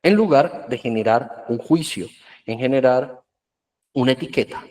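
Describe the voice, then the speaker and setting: A man's voice: medium pitch, measured pace, a little mellow. A man giving a virtual workshop talk on children's emotions, in an earnest, explanatory way. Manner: earnest, explanatory, acts out parents' scolding in quotes.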